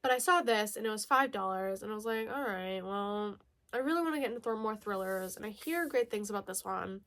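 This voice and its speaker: Brisk and a bit bright, a mid-range female voice runs through a chatty book haul. The vlogger reads blurbs out loud with giggles and self-corrections, and a lingering mild cold leaves her slightly nasal.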